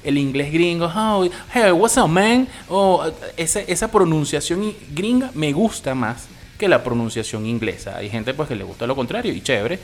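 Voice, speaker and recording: A man's voice: a little high, lively intonation, moderate pace, hardly any pauses, a little hiss or hum. A man with a Venezuelan Spanish accent giving a loose, opinionated film review, swearing casually as he talks.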